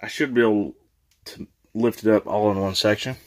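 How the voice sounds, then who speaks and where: DIY vlogger, man with a lowish voice, chatty and informal, filmed on a handheld phone indoors. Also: steady tone, moderate pace. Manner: chatty, informal, laughs at own jokes. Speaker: channel host, DIY renovator. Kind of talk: casual DIY vlog narration. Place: mobile home and workbench indoors.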